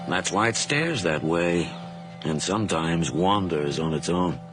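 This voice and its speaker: An actor playing an affable, unhurried officer with an easygoing, drawling manner, in a radio drama. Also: male voice, sits low, animated, over music. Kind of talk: 1980s radio drama acting. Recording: hissy old radio broadcast.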